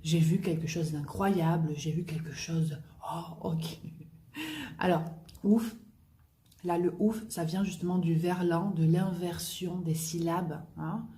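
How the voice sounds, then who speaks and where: Relaxed, slow-talking woman teaching French slang. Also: lowish voice. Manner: relaxed, repeats examples slowly, frequent "hein", soft laughs. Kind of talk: slang lesson for Spanish speakers.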